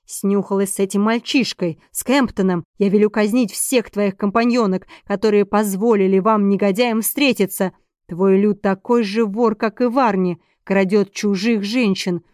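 A woman's voice: medium pitch, normal speed, darkish tone, no echo, clean studio sound, close to an everyday voice. A woman voicing a furious, domineering middle-aged duke who bullies and rants. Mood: raging. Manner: bellowing, bullying tirades.

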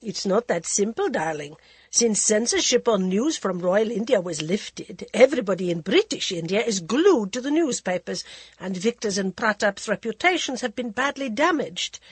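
A woman's voice: mid-range voice, lively intonation, normal speed, breathy edge, no echo, pitched above the performer's own voice. A woman voicing a worldly, imperious older Indian society lady who drawls theatrically and calls everyone darling. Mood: arch, languid.

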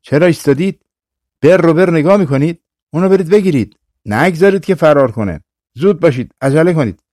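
A man's voice: lowish voice, dry recording, close to an everyday voice. Old ascetic, commanding and urgent, performed by a male narrator, storybook reading, dry sound. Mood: alarmed. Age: older. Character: old man, a fussy tea-loving ascetic.

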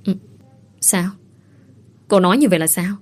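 Woman reads a grieving old mother who scolds her daughter, low and reproachful. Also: moderate pace, lightly acted. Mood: pleading. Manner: wailing, reproachful. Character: scolding elderly mother, grief-stricken.

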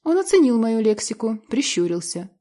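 A woman's voice: fairly high pitch, sing-song, normal speed, dark tone. Audiobook narrator, woman; tense, emotional first-person reading of a drama.

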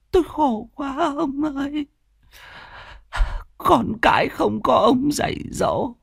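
Man voicing an old mother, shrill and tearful. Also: dry recording, clean studio sound, exaggerated voice. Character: old widowed mother, worn down and grieving.

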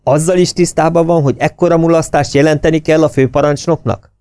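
A man voicing an enraged, near-hysterical British officer who shouts his rebukes. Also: medium pitch, animated, no echo, natural voice. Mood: berating.

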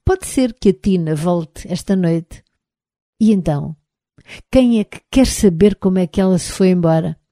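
A troubled middle-aged woman murmurs her thoughts in a European Portuguese accent, as an audiobook reader puts her on. The voice sits somewhat low and very dark and mellow, and the recording is dry and close. Her delivery moves between sarcasm and pleading. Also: lively intonation, moderate pace, no room sound. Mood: conciliatory. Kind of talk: audiobook character reading.

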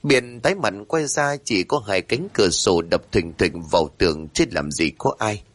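A man narrating a horror story in a suspenseful, measured way. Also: on the low side, lively intonation.

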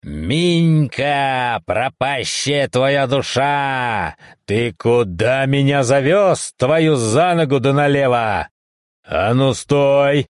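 A man's voice: medium pitch, animated, smooth, dry recording, studio quality, voice pushed up. Man doing a growling, cursing country traveler. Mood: angry. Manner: growling, slow, swearing. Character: gruff rural male traveler, growling, cursing.

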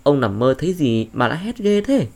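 Scared mom in a spooky audio story, high and shrill, guy doing her voice. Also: very animated, moderate pace, vocal fry, a little mellow, exaggerated voice. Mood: alarmed. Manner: shrill, anxious, cries out in alarm. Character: frightened middle-aged wife and mother.

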